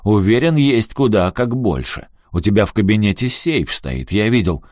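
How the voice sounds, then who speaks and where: A man reading an audiobook and voicing a jeering, menacing young male thug who taunts and shouts threats. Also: on the low side, big pitch swings, moderate pace, no room sound, studio quality. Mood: jeering, threatening.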